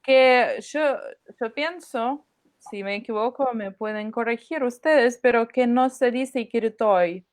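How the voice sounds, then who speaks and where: A woman's voice: fairly high pitch, unhurried, no room sound, studio quality. A woman joining a casual class discussion as co-teacher, thinking aloud and hedging her answers.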